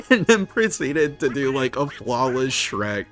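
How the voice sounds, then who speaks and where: Laid-back man with lively pitch. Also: slow. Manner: laid-back, jokey, laughs often. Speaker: game streamer. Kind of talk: casual let's-play commentary.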